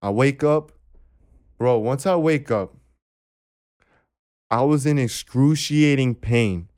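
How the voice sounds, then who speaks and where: A young man tells his story in a smooth, clear voice that stays close and dry. He talks in a loose, animated way, jumps into the voices of the people in his story and swears freely. The feel is a casual chat among friends. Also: mid-range voice, slow, dry recording. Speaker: guest telling his story.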